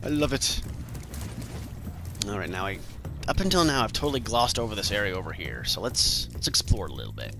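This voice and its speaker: A man's voice: fairly low pitch, big pitch swings, fast talker, vocal fry. A man giving casual, chatty, self-deprecating commentary as host of a video game walkthrough. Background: game music.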